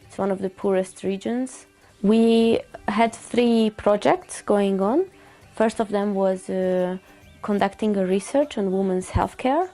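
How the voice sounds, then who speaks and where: Woman, 20s, from Hungary, volunteer doctor; mellow, slightly gravelly delivery, soft music bed behind. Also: mid-range voice. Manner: earnest, matter-of-fact recounting with hesitations. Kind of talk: interview testimonial.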